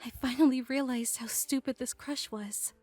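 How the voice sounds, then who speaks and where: A woman's voice: high-pitched, fairly even intonation, moderate pace, a little mellow, faint music behind. A woman voicing a tearful lovesick young woman. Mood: rueful. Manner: emotional, wavering, self-deprecating.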